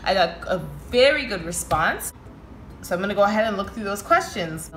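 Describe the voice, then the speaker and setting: A woman's voice: medium pitch, expressive, moderate pace, reverberant, a little hiss or hum, poor audio. A young woman from Canada with a Toronto accent, answering viewer questions in a casual, chatty vlog and laughing often. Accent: Toronto Canadian English. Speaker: vlogger.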